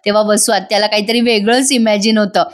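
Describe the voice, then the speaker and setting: A woman's voice: medium pitch, steady tone, fast talker. A woman with a Marathi accent narrating a voice-over recap of a TV serial, retelling the scenes and acting out the characters' lines. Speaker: TV serial reviewer.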